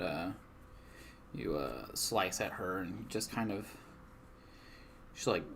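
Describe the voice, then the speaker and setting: A man improvising tabletop game narration as game master, casual and halting as he searches for words. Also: on the low side, gravelly, slight background noise.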